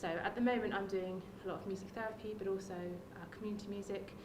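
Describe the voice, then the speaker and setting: This friendly workshop talk comes from a former teacher now working as a music therapist and early years music practitioner, who addresses the room and says "um" often. She talks quickly in a mid-range voice with fairly even intonation, and the distant mic picks up a roomy sound and a noisy background.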